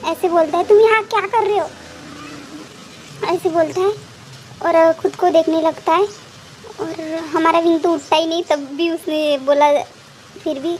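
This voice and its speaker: A woman's voice: sits high, a little hiss or hum. A woman narrating her own romance fan fiction and acting out the characters' lines as she tells the story. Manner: lively, acts out both lovers' lines herself.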